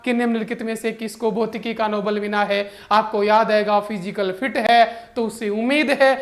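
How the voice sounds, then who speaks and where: High-voiced joking coaching teacher. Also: male voice, normal speed. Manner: animated and joking, keeps calling the viewer brother. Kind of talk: comic mnemonic lesson.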